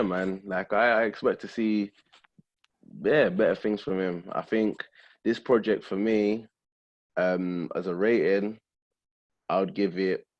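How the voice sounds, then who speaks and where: Male podcast host, very low voice, informal street slang, loose casual music chat. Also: dull audio. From Essex, England.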